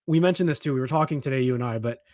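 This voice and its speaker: A man co-hosting a sports podcast, talking in an emphatic, animated way with frequent restarts. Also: mid-range voice, rapid-fire, no room sound, clean studio sound. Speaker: podcast co-host. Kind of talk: casual sports talk.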